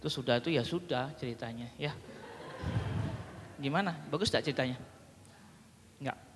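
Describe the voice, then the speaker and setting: A man teaching a public speaking workshop on telling stories to children, talking in an animated, playful way and breaking into acted storytelling. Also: medium pitch, moderate pace. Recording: long hall reverb, faint room noise.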